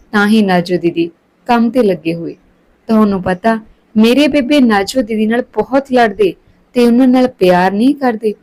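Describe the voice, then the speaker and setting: A woman's voice: mid-range voice, a little mellow, natural voice, poor audio. A woman voicing an earnest, chatty young village girl in a storybook reading.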